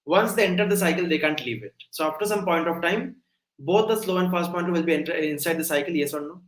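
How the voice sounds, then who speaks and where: A man's voice: on the high side, fast, echoey room, low-quality recording. A young man giving a live online coding lecture, explaining step by step and often checking whether listeners follow. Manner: explanatory, asks frequent check-in questions. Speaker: coding instructor.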